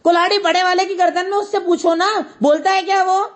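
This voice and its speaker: A woman's voice: very high voice, fairly even intonation, voice pushed up. A woman voicing the prophet Abraham in a retold story, taunting idol worshippers with rhetorical questions.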